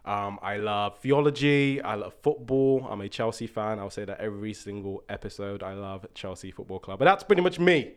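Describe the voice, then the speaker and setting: A man's voice: fairly low pitch, expressive, moderate pace, few pauses. Upbeat chatty man with Birmingham accent. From England. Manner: upbeat, chatty, laughs easily. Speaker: podcast host. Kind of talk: casual podcast chat.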